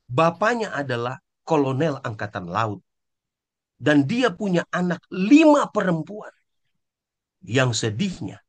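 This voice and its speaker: A man preaching a sermon as pastor who often addresses the congregation directly and acts out scolding parents in quoted asides, going from low, soft passages to sudden shouts. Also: breathy edge.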